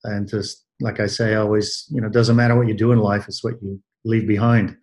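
A man in his sixties from Belgium speaks with a somewhat low voice. He answers questions in a measured way, pausing with fillers and restarting phrases as he recalls his career. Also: little pitch movement, darkish tone. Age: 60s. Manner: measured, many hesitations and restarts. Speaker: guest, athletic trainer. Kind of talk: interview answers.

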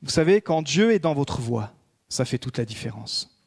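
A man preaching a sermon as a pastor, swinging between emphatic raised peaks and hushed prayerful passages. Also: medium pitch, sing-song, moderate pace, vocal fry, breathy edge.

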